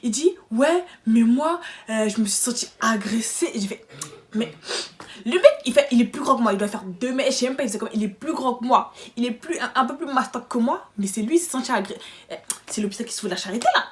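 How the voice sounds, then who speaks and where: A young woman telling a storytime vlog in an animated, slangy, quick way. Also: fairly high pitch, a little hiss or hum. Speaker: vlogger.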